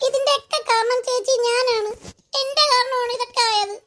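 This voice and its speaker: A woman's voice: very high-pitched, fairly even intonation, moderate pace, a bit bright. A woman voicing a remorseful older mother-in-law in a cartoon, lamenting with repeated cries of dismay. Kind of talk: cartoon voice acting.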